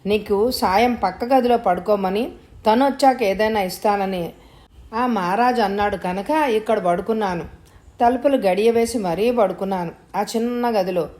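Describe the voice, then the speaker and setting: A woman voicing an angry, suspicious young village man who shouts accusations. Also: medium pitch, normal speed, natural voice.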